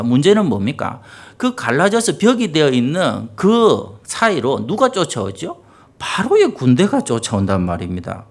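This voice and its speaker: A middle-aged man, a senior pastor preaching an early-morning sermon with vivid storytelling and rhetorical questions. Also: medium pitch.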